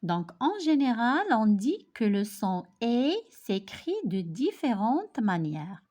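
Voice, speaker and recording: Slow, lively woman teaching pronunciation. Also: on the high side. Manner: clear, deliberate word-by-word pronunciation, repeating words. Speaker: French teacher. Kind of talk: slow spoken language lesson.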